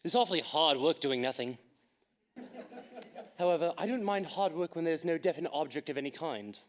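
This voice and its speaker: A young man acting a witty, idle gentleman in a school stage comedy, with a playful, teasing delivery. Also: on the high side, expressive, fairly quick, close to an everyday voice. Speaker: stage actor in a school play.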